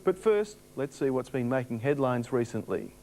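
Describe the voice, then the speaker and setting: A man's voice: mid-range voice, big pitch swings, moderate pace, a little mellow, slight background noise. A man with an Australian accent hosting a sports show, reading scripted sports news.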